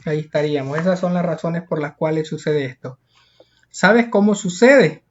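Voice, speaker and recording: A man's voice: on the high side, normal speed, a little hiss or hum. A male teacher, patiently explaining a lesson step by step and repeating key points. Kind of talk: recorded classroom lesson. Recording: dull lo-fi recording.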